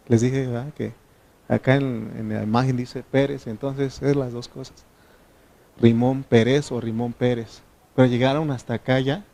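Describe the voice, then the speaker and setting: A man's voice: mid-range voice, mellow. A man from Mexico, a pastor, leading a Bible study and prayer for his church, often asking the congregation questions. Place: church meeting room.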